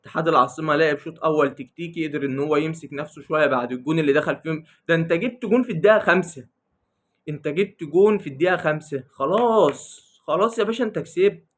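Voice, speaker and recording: A man's voice: on the high side, very fast, fairly bright tone. A man with an Egyptian accent ranting about football in a casual vlog, teasing and repeating his jabs. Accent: Egyptian Arabic. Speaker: football vlogger. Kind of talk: casual football commentary rant.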